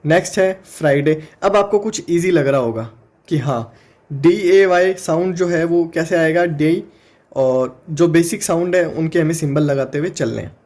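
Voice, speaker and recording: Indian man, exam-prep tutor, higher-pitched voice, patient step-by-step explainer. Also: a little mellow. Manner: explains step by step, sounds words out slowly. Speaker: teacher.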